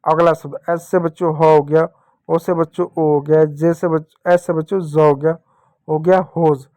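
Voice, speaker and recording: Patient male teacher spelling slowly. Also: a little high, level tone, a little mellow, dry recording. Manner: patient, spells words letter by letter; repeatedly addresses the children. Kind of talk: children's reading lesson.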